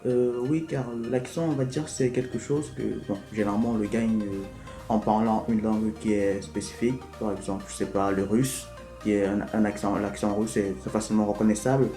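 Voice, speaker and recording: African guy doing a chatty vlog, mellow voice, takes his time, echoey room, faint music behind. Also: on the low side, fairly even intonation. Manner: unhurried, hesitant explaining. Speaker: vlogger. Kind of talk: casual explanatory vlog talk.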